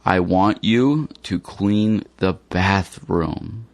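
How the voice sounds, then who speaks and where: Man, low voice, slow and careful, plain delivery, dry close mic; reads learner dialogues. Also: creaky, dry recording. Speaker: dialogue reader for English learners. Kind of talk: slow scripted dialogue reading.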